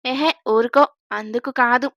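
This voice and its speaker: A woman's voice: on the high side, steady tone, measured pace, fairly bright tone, dry recording, highs cut off. A woman doing a lecturing elder brother. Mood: joking. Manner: lecturing, jokey. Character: elder brother, man, advice-giving and playful.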